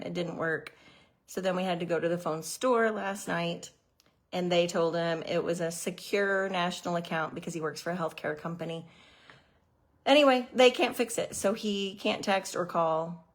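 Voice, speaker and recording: A woman's voice: on the low side, steady tone, moderate pace. A middle-aged woman from Missouri chats through her card-making livestream. She rambles with plenty of ums and restarts. She sounds a little out of breath. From Missouri, USA. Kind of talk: casual livestream chat.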